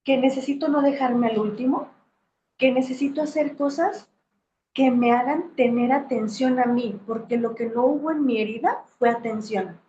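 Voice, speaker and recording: This middle-aged woman has a warm, high-pitched voice at a moderate pace as she gives a reflective talk about emotional healing. She asks rhetorical questions and checks in with listeners, and the audio is roomy and slightly dull with a faint hiss.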